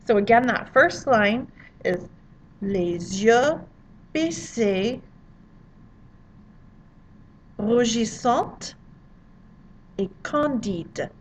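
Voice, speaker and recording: A woman teaches French pronunciation in a friendly, chatty and encouraging way, as if talking straight to her students. The recording sounds slightly muffled, with a faint room hiss under her voice. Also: medium pitch. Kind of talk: pronunciation lesson.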